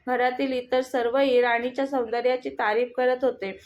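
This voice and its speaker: A woman narrating a scripted story in a steady, plain reading voice. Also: sits high, moderate pace. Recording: dull lo-fi audio.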